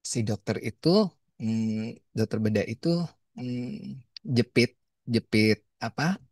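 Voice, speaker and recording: A man's voice: medium pitch, expressive, takes it slowly, darkish tone, no echo, clean studio sound. A man giving a conversational lecture on medical ethics, telling anecdotes and acting out quotes. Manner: chatty, storytelling, acts out quotes.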